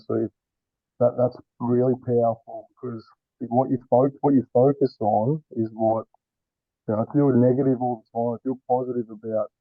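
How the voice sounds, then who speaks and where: A man on a group call, his voice muffled as if underwater, speaking earnestly with halting restarts. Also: mid-range voice, no echo. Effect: muffled, underwater-sounding audio. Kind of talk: casual group discussion. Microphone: remote call, no earphones. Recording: muffled phone-like call line.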